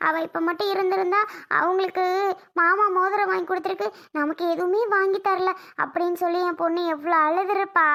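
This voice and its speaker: Brief: woman doing a weepy, reproachful mum, voice pushed very high, family skit. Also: a bit bright. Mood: crying, hurt. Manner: crying, pleading, reproachful. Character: tearful middle-aged mother, hurt older sister.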